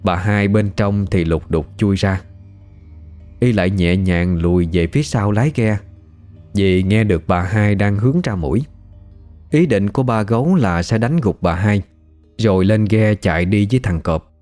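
A man, narrating a ghost story in a steady, measured way. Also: lowish voice, soft background music.

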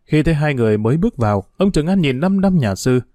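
A man narrating a story in an even, somber storytelling manner. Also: on the high side, fast talker, no echo, studio quality.

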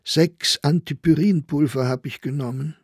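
A man's voice: a little high, normal speed, slightly rough, dry recording, studio quality, pitched above the performer's own voice. A man voicing a breezy, theatrical young woman with sighing, carefree speech in a storybook.

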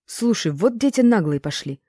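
A woman's voice: lowish voice, a little fast, a little mellow, no room sound, studio quality, lightly acted. A woman voicing a brash grown man who speaks in blunt slang and teases in an audiobook. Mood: teasing. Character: brash, rough-talking grown man, teasing.

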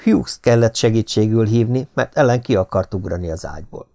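A man narrating an audiobook in a steady, measured reading voice. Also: fairly low pitch, gravelly.

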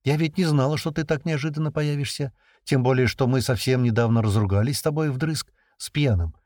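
A man's voice: mid-range voice, a little fast, a little mellow, no echo, clean studio sound, pitched above the performer's own voice, close to an everyday voice. A man reading aloud and voicing a naive, chatty young woman who pleads and takes offence easily. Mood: pleading.

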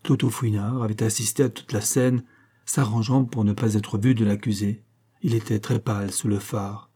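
A man reading a crime novel aloud in a measured, dramatic way. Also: lowish voice, steady tone, mellow, breathy edge. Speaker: audiobook reader. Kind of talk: scripted narration of a crime novel.

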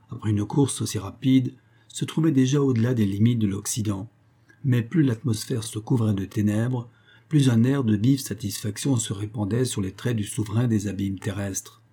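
Male audiobook narrator, dark and husky, measured storybook telling. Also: on the low side.

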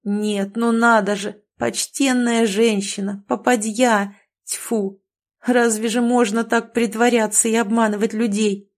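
A woman's voice: on the high side, flat delivery, unhurried, natural voice. A woman voicing a remorseful, plain-spoken village father in an audiobook. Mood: indignant. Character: remorseful rustic father, blunt.

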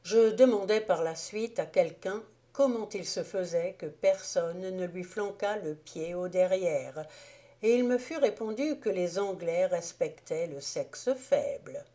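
A woman narrating an audiobook novel in a measured, even storytelling manner. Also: lowish voice. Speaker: audiobook reader. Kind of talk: scripted narration.

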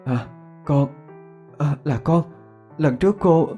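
A man's voice: fairly high pitch, slow pace, mellow, dull audio, faint music behind, voice pushed up. A man doing a panicked middle-aged woman driver.

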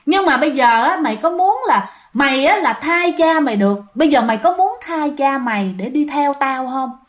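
A menacing drowned ghost girl, as a woman storyteller puts her on, with a high voice. She makes her threat in plain, blunt words, the way a spoken ghost-story teller quotes a spirit. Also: lively intonation, normal speed. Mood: threatening.

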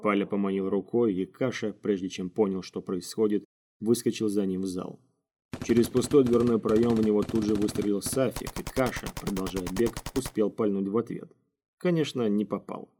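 A man narrating an audiobook in a steady, measured reading. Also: fairly low pitch, background noise. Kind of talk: scripted narration. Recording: faint music underneath.

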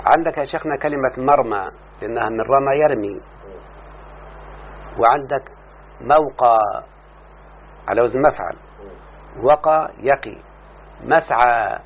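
A man with an Egyptian accent teaching a classroom lesson, explaining slowly and often checking that his students follow. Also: mid-range voice. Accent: Egyptian Arabic. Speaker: teacher of Arabic morphology. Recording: tinny lo-fi line with faint hum.

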